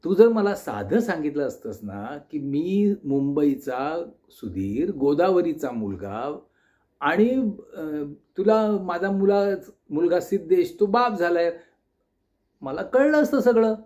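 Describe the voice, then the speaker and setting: A man voicing a gentle, forgetful elderly aunt in an audio story, drawing out her words and teasing softly. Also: a little high, big pitch swings, slow. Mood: chiding. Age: older.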